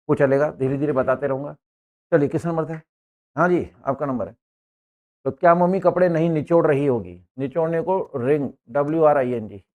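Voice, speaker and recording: A man's voice: a little high, darkish tone. Man teaching English pronunciation in class. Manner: explains slowly, often asks "है ना?". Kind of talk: classroom lesson.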